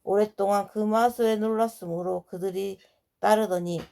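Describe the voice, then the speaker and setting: A woman reading scripture aloud in a measured, even recitation. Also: medium pitch, gravelly. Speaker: scripture reader.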